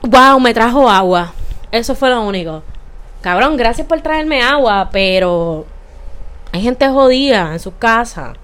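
A young woman with a Puerto Rican accent delivers a heated, profane monologue. She speaks in a slightly high voice and drops English words into her talk. Her manner is blunt and fired-up. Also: animated, unhurried, fairly bright tone. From Puerto Rico. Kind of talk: casual ranting monologue.

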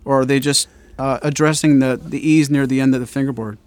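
A man's voice: medium pitch, fairly even intonation, no echo. Dry-sounding man steering a podcast chat. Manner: brisk, steers the conversation with questions. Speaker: podcast co-host.

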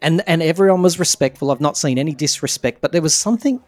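A man co-hosting a podcast, chatting in a warm, reassuring, enthusiastic way while he is losing his voice. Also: fairly high pitch, fast talker, no room sound. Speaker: podcast co-host. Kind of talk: casual fan chat.

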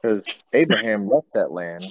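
Man, low voice, questioning Bible study participant, dry lo-fi audio. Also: expressive, a little slow. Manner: questioning, explains geography, tag questions. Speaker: study group member. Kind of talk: casual Bible study discussion.

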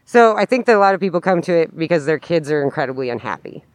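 Higher-voiced American man speaking through a face mask. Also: animated, quick pace, no room sound. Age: adult parent. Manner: informal, loosely phrased with frequent "like". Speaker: interview guest, education activist. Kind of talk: casual conversational interview. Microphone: podcast microphone, spoken into through a mask.

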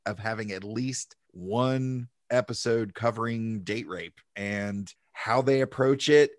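A man's voice: medium pitch, dry recording, clean studio sound. A man hosting a podcast, chatting casually and recapping an episode in a loose, jokey way. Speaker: podcast host.

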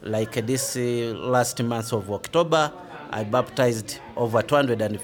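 A Ugandan pastor with a Ugandan accent answers interview questions in plain, earnest words, repeatedly saying "we are blessed." His voice is medium in pitch and measured in pace.

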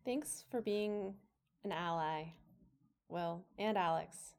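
A woman's voice: lowish voice, takes it slowly. A woman co-hosting a podcast in casual chat, talking from under a blanket in a small echoey room, so her voice sounds muffled. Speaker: podcast co-host.

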